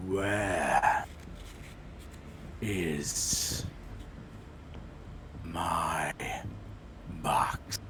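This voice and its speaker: A man plays a very old giant in a tabletop fantasy game, booming and menacing. The commands come slowly and drawn out, as threats. There is some background noise in the room. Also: pushed and bright, heavily acted. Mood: booming demand.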